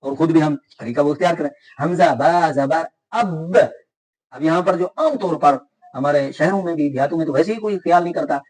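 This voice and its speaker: A man's voice: a little high, slightly rough, poor audio. Patient male Quran teacher. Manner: patient, repeats rules and drills syllables slowly. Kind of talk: recorded lesson.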